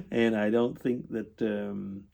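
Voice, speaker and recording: An older retired man chatting casually in a vlog, answering tag questions at his computer indoors, halting with frequent ums and throat-clearing. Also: on the low side, lively intonation, darkish tone. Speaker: vlogger.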